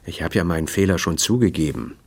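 A man's voice: low-pitched, expressive, fast talker, husky, heavily acted. Man voicing a proud, hurt woman. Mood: indignant. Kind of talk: audiobook character voice.

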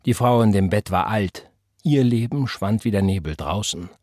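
Low, husky male audiobook narrator. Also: lively intonation, moderate pace, darkish tone, dry recording, clean studio sound. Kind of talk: scripted narration.

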